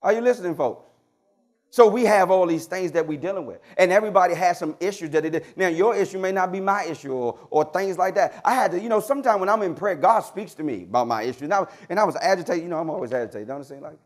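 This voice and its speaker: A man preaching a sermon in church, asking his congregation questions and calling for answers. He swings between loud, emphatic lines and quiet, low asides, and speaks. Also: fast talker. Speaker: pastor.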